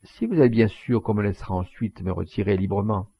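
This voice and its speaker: A man reading the part of a crafty, mocking poacher in a storybook, voicing him with cheeky, shouted taunts and a gravelly voice. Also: lowish voice, brisk. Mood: sly.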